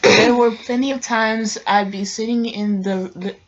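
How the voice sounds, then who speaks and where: A woman's voice: fairly high pitch, steady tone, a little slow, dull audio, a little hiss or hum. A young woman reading a ghost story aloud in a casual vlog, chatty and sometimes stumbling on words. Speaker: co-host reading scary stories.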